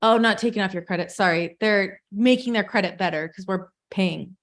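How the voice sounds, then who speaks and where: Woman coach on a video call, casual and chatty, middle pitch. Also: normal speed. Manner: chatty, loose and self-correcting, talks to the group directly. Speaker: real estate coach leading a group call.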